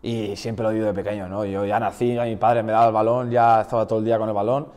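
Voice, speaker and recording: A long reverb tail trails the lowish voice of a fast-talking man in his twenties, a guest footballer in an interview. Born in Portugal and raised in the Basque Country, he speaks Spanish with a slight Basque accent in a relaxed way, often restarting and using fillers.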